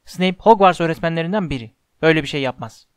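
A man voicing a huge, stubborn male gamekeeper in a gruff, grumbling low voice while reading a storybook aloud. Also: fast talker, dry recording, clean studio sound, close to an everyday voice.

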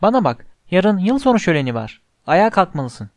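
A man's voice: sits high, sing-song, fairly quick, no room sound. A man voicing a cheerful, easygoing teenage boy talking to his friend.

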